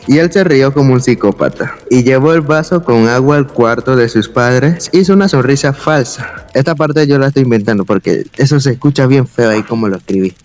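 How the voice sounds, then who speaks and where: A man's voice: mid-range voice, darkish tone, big-room sound. A man reading a horror story aloud, breaking off to mock the writing with joking asides. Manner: mocking, laughs at and comments on his own old writing.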